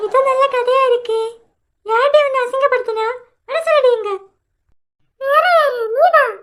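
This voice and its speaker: A woman's voice: extremely high pitch, normal speed, a bit bright. A woman voicing bickering, easily frightened young village women in a cartoon, with a Kanyakumari Tamil accent. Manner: squabbling, shrieking.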